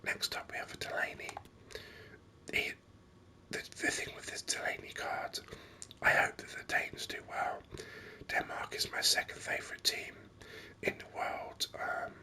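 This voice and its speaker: A gaming video host offers breathy, whispered ASMR commentary on a video game. They speak softly into a close microphone, explaining things at an unhurried pace.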